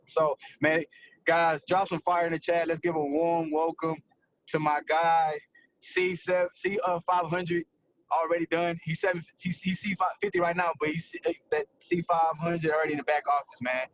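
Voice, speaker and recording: A man's voice: a little high, fairly even intonation, moderate pace, dull audio, a little hiss or hum. A man hosting a livestream, energetically hyping up his guests and filling his talk with "man" and "bro". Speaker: livestream host. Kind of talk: hype-filled livestream intro.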